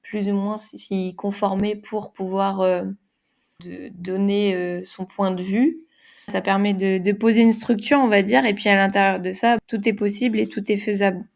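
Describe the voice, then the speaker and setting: French woman explaining with many pauses. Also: medium pitch, fairly even intonation, vocal fry, a little mellow. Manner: many fillers and restarts, thinking aloud. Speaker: game designer and facilitator. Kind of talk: interview answers.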